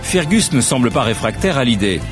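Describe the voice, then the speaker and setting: A man's voice: medium pitch, sing-song, brisk, music in the background. A man from narrating a nature documentary in a scripted, storytelling way.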